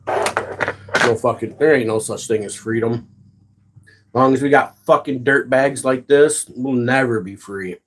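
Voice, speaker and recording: A man's voice: medium pitch, a little slow. A man hosting a casual livestream, chatting with viewers and ranting with heavy profanity. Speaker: livestream host.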